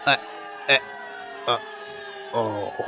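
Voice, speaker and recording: Man voicing a slow, self-important puppet showman. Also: medium pitch, fairly even intonation, a crowd in the background, background noise. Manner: halting, formal showman delivery. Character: earnest, self-important male puppet performer. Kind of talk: puppet talent show act.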